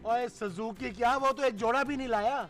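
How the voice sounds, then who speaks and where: A man's voice: extremely high pitch, moderate pace, fairly bright tone, faint music behind. An actor playing a nosy, nagging middle-aged father in a sitcom. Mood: blustery. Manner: blustery, nagging. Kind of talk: sitcom acting.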